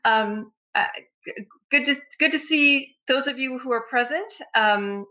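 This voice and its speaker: A woman's voice: high voice, measured pace, sharp tone. A woman speaking at a remote meeting over a crackly phone line that cuts in and out, hesitant and full of ums. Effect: crackly phone line cutting in and out. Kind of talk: casual meeting introduction.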